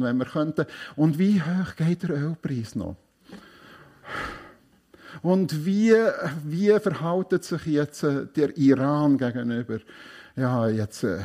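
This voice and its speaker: A man with a medium-pitched voice preaches a sermon emphatically, repeating key phrases and shifting between hushed and loud passages.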